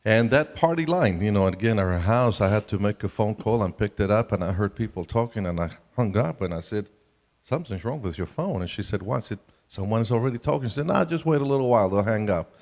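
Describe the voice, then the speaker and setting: A man's voice: fairly low pitch, lively intonation, fast, darkish tone. A middle-aged man from Colombia, telling stories with self-deprecating humor as he co-presents a family ministry talk. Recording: reverberant hall.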